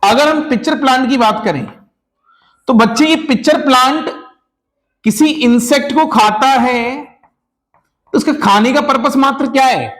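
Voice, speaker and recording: This male teacher, whose voice is strikingly high and a bit bright, delivers a lecture in Hindi mixed with English terms at a measured pace, pausing often. He calls his students children, keeps asking them rhetorical questions, and repeats his key points.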